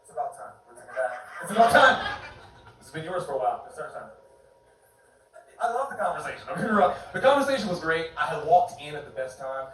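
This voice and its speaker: A man performing a stand-up comedy set, animated and jumping into high voices for his bits. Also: fast talker, heavy reverb, recorded from a distance, a little hiss or hum, poor audio. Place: comedy club stage. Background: audience laughter.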